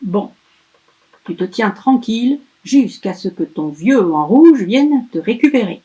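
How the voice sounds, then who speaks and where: A cranky old witch from a storybook, loud and scolding, who snaps at everyone around her. Her voice sits up high and comes out slow and deliberate, as a woman reading aloud puts her on. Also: expressive, lo-fi sound. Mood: grudging. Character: grumpy old female witch, cranky and shouty.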